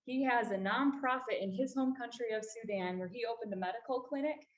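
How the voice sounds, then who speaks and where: A woman's voice: fairly high pitch, fairly quick. A woman from a refugee services agency giving a public talk to a library audience, explaining earnestly and stressing key points. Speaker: refugee services staff presenter. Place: library meeting room. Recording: echoey room.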